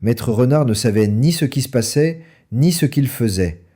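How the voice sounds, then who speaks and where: Warm-voiced French storybook narrator. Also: male voice, normal speed, slightly rough. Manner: lively, acts out each character with raised pitch. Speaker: audiobook narrator.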